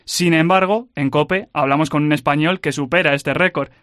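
A man hosting a sports radio interview, asking measured questions. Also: a little high, a bit bright, dry recording, studio quality.

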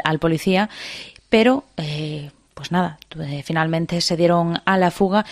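A woman reporter speaks in a fairly low voice. She talks through the news conversationally, pausing often on fillers as she explains. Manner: conversational with frequent fillers and hesitations. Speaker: field reporter. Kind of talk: live radio news report.

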